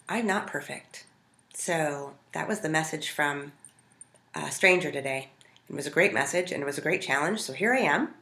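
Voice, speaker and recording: An American woman from Montana hosts a home cooking video, telling stories casually and conversationally to the camera. Her voice is low for a woman but carries a bright, forward edge. The sound is roomy, with clear echo around her words.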